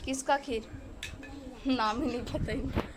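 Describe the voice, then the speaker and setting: A woman's voice: sits high, steady tone, unhurried, background noise. A young woman from India chatting casually in a home vlog, rambling with fillers while she cooks and studies. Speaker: vlogger, exam aspirant. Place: home kitchen and study table.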